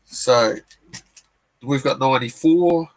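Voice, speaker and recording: Speaking slowly at a medium pitch, a New Zealander in his forties chats loosely about comics on a live stream. His talk is meandering, packed with fillers and false starts. The recording quality is low.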